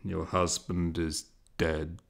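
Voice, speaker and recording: Man doing a demon voice, hollow, booming, low and gravelly, slow menace, storybook reading. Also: level tone, exaggerated voice. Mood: menacing boast.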